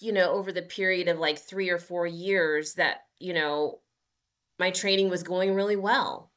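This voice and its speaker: A woman in her forties with a medium-pitched, sharp voice appears as a guest on a casual podcast interview. An amateur marathon runner, she talks earnestly and upbeat about her running, using frequent fillers.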